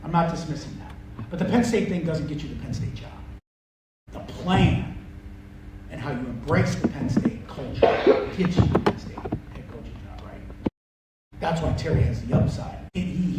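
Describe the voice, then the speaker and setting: A man's voice: a little high, normal speed. A man speaking as an athletic director in a candid team meeting, blunt, profane and emphatic, in an unscripted way. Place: indoor meeting room, far from mic. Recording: echoey room, distant noisy covert-sounding audio.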